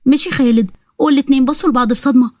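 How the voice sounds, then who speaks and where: Egyptian woman storyteller, high voice, talks super fast, dry close mic. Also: fairly even intonation, a little mellow, no echo. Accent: Egyptian Arabic. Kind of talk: scripted story narration.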